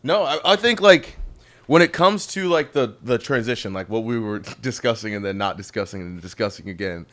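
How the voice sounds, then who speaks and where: A man from Texas chatting on a podcast as a guest athlete. His voice sits on the low side, and he jokes and banters in an animated way before giving sincere advice. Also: fairly quick. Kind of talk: casual chat.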